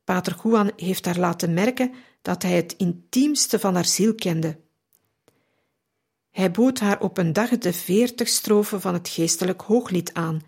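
A woman reads a devotional biography aloud for radio in a calm, measured, reverent way. Her voice is husky and a little gravelly, and she sits slightly low in pitch. She takes her time over every phrase. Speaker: radio reader of a saint's biography. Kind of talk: slow devotional reading aloud.

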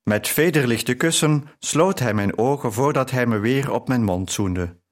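Male audiobook narrator, measured and even reading of a novel. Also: mid-range voice. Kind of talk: scripted narration.

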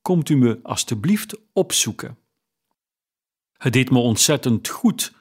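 Guy reading a gentle poor clerk dad, earnest and slow, storybook. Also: medium pitch, expressive, husky, exaggerated voice. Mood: earnest, fatherly. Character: kindly, humble father, a poor middle-aged clerk.

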